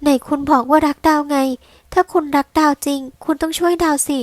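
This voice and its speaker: A spoiled young wife cries out in a high, shrill, desperate voice, put on by a woman narrator. Her lines press high and tight. It is recorded dry and close for an audio novel. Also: brisk, no room sound, close to an everyday voice. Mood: pleading. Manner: pleading, high-strung, shrill.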